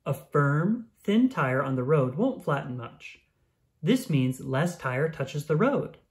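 A mid-range voice reads a kids' science book slowly, with the clarity and expressiveness of a storyteller speaking to young children.

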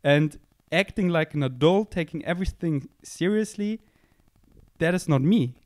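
This young podcast host thinks aloud in a playful, self-deprecating ramble, sitting on a couch indoors with a handheld microphone held close. His slightly high voice is expressive and darkish in tone, at a moderate pace, with no echo.

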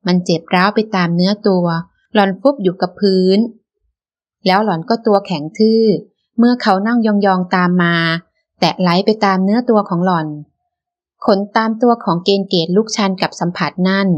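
A woman reading a novel aloud as an audiobook narrator. Her voice sits at an ordinary middle pitch, and she tells the story in a steady, dramatic way. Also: moderate pace, muffled recording.

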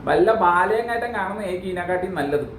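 A man's voice: high-pitched, animated, fast talker, echoey room, a little hiss or hum, low-quality recording. A man hosting a reaction video, joking and teasing in mock outrage. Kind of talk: casual comic commentary.

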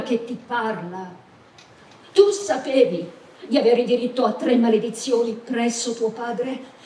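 A woman's voice: high-pitched, darkish tone. A woman acting a stern, imperious goddess in a classical stage tragedy, commanding and declamatory. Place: large outdoor theatre at night. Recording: echoey open-air stage, distant mic, faint noise.

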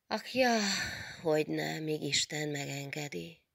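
A woman reading the lines of a frail, serene nun over a hundred years old, in a soft murmur that slips into a whisper. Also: deep voice, expressive, gravelly, voice pushed up, full character voice. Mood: content.

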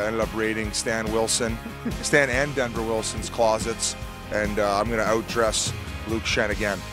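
A man in his thirties hosting a casual street interview outdoors with a handheld mic, full of teasing, joking banter. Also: mid-range voice. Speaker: host.

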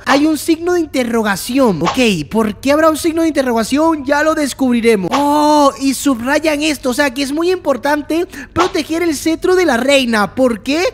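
High-pitched, excitable gameplay host. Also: a little hiss or hum. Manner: exclaims and jokes at the game, reads on-screen text aloud.

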